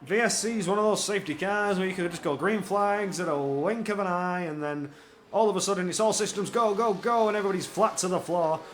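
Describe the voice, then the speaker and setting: High-voiced male esports race caller, excitable play-by-play, repeats himself for emphasis, light background noise. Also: brisk. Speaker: esports motor racing commentator. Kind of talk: live play-by-play racing commentary.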